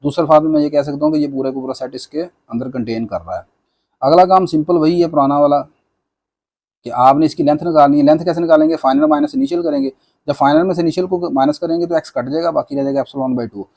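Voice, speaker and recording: A man's voice: a little high, fast, darkish tone. A man teaching a maths lecture, patiently walking through proofs. He mixes English maths terms into his speech and often checks in with "theek hai na".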